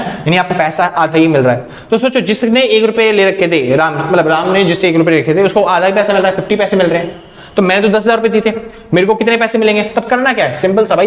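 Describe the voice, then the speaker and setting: Male accounting teacher, higher voice, quizzes himself step by step, roomy echo. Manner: explains step by step, asks and answers his own questions. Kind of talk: accounting lecture.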